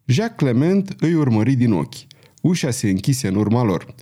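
Warm, expressive male audiobook narrator. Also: mid-range voice. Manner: dramatic, expressive reading. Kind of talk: scripted narration.

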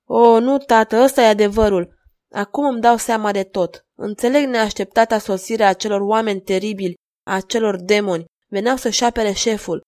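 A woman's voice: mid-range voice, fairly even intonation, a little mellow, lightly acted. Brief: a woman doing a shy lovesick young girl, trembling, emotional storybook delivery. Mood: distraught. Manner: trembling, emotional theatrical reading. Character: young maiden, timid, lovesick daughter.

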